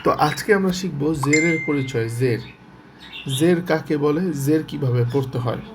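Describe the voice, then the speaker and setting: A man teaching Quran reading in Bengali, patiently drilling each letter with its vowel sound in a steady, repetitive chant, with a Bangladeshi accent. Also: fairly high pitch, moderate pace, noisy background. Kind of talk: slow spoken lesson, drilling letter sounds.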